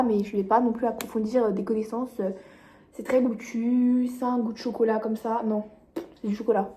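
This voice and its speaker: A woman's voice: a little high, warm tone. Rambling young woman in an echoey kitchen. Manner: rambling, filler-heavy, self-mocking. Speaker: vlogger. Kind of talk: casual vlog chat. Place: home kitchen. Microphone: phone camera mic. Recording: echoey room, faint noise.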